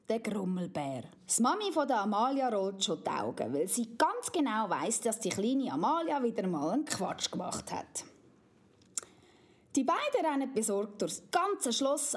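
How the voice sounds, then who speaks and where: A woman with a Swiss German accent reading a children's story aloud, animated and playful. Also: medium pitch.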